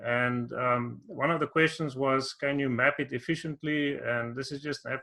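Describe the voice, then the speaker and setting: A man's voice: mid-range voice, fairly even intonation, pushed and bright. Hesitant South African man presenting. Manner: unhurried, hesitant with many ums and restarts. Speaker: workshop presenter. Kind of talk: conference presentation.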